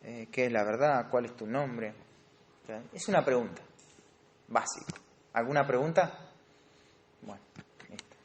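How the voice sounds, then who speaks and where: A man's voice: mid-range voice, a little slow, long pauses. Argentine guy teaching bible class grammar, mid voice, keeps asking the students stuff. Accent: Rioplatense Spanish. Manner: explanatory, asks the class questions.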